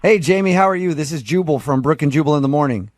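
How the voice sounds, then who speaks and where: A man's voice: on the high side, fast, a little mellow, no echo, clean studio sound. An American man hosting a morning radio show, bantering casually with callers in a mock-earnest, teasing way.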